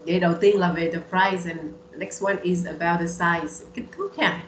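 A woman's voice: lowish voice, steady tone, normal speed, slight background noise. Roomy-sounding woman teacher. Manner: patient, repeats words for drilling. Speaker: English teacher. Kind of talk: online bilingual English lesson.

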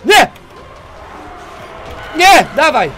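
A man giving let's play commentary, talking to himself and switching between low mutters and sudden yelps. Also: sing-song, drawn-out words, sharp tone, a faint crowd, slight background noise. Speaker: gaming YouTuber.

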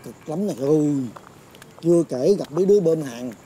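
An actor playing an easygoing, scruffy working-class delivery driver who talks in quick, casual banter. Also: male voice, a little high, animated, mellow, a little hiss or hum, lightly acted, low-quality recording. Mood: amused. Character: easygoing working-class man, scruffy but good-humored. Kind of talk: TV drama acting.

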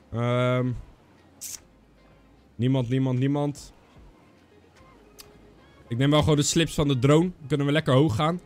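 A man's voice: mid-range voice, darkish tone. A young man with a stuffy nose from a cold gives casual gaming commentary on a close mic, mixing in English slang. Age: young adult. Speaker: streamer. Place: indoor streaming setup. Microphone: close boom microphone.

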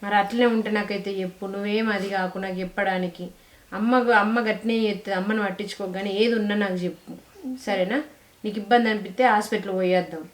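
A woman's voice: medium pitch, steady tone, quick pace, echoey room, close to an everyday voice. A young woman with a Telangana Telugu accent playing a protective sister-in-law in a village drama, talking in a consoling, coaxing way. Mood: gentle. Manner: consoling, coaxing, with many questions. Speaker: actor in a village short film.

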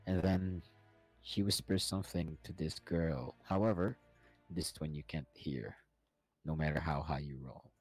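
A man narrating a tabletop role-playing game as game master, in a slow, unhurried way. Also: extremely low pitch, fairly even intonation, soft background music.

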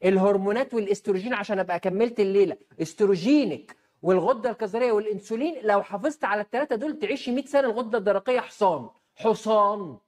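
Speaking with an Egyptian Arabic accent, a woman doctor gives an emphatic health advice talk, posing rhetorical questions and answering them herself. Her mid-range voice has a darkish tone and moves very fast.

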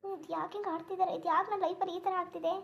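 A woman's voice: very high voice, steady tone, rapid-fire, vocal fry, fairly bright tone, lo-fi sound, exaggerated voice. Woman voicing a fretful young wife. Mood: worried. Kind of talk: cartoon voice acting.

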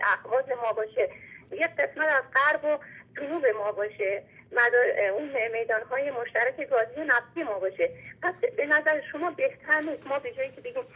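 A woman's voice: high voice, husky. A woman from Iran calling in to a radio show, heard over a phone line, making an earnest, insistent case at length. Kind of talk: call-in question to the host.

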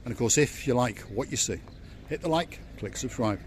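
Chatting and joking like a tour guide, an older man films a casual walking vlog on a handheld phone outdoors along a seaside harbour promenade. His medium-pitched voice has lively intonation at normal speed, and there's faint outdoor noise.

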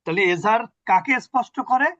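Male Quran recitation teacher, patient, quizzes students; high voice, dry, dull audio. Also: expressive, brisk, a bit bright, dry recording. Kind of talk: online tajweed lesson.

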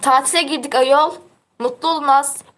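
A woman's voice: high-pitched, fairly even intonation, moderate pace, fairly bright tone. A teenage girl chatting casually on her livestream, reading out viewer comments in a teasing, chatty way and laughing often.

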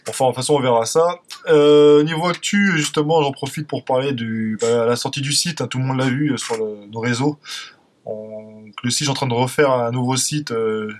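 A man's voice: mid-range voice, steady tone, normal speed. A man with an accent from France, hosting a fitness podcast in a casual, conversational way. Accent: French, from France. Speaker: podcast host.

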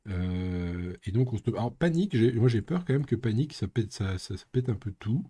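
A man's voice: on the low side, lively intonation, normal speed, mellow, slightly rough. A man streaming live coding, thinking aloud and muttering with playful sound effects. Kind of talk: casual live coding commentary.

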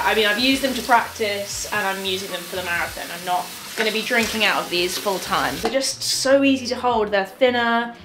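A woman's voice: mid-range voice, a bit bright, slight background noise. Chatty woman vlogging in an echoey room. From England. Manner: chatty and upbeat, with frequent laughs. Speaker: vlogger and marathon runner. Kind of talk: casual vlog chat. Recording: echoey room with faint music.

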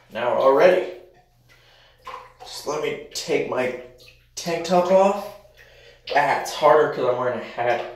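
A young man vlogging casually to the camera from a small tiled bathroom. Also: fairly high pitch. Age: young adult. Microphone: camera a few feet away. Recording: echoey bathroom, distant mic.

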